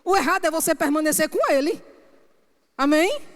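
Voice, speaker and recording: A woman minister preaches with emphasis and checks in with her congregation again and again. Her voice sits high. It trails off into the long reverb of a church sanctuary. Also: lively intonation, normal speed. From Brazil. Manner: emphatic preaching, punctuated with frequent "Amém?". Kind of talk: sermon.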